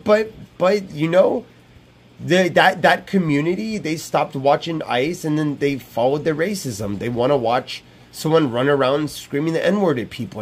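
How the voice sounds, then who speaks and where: Streaming live from a small room, a man with a slightly high, slightly rough voice brags and riffs with chat, loose and profane, circling back to repeat his points. A wired earbud headset mic sits close to his mouth.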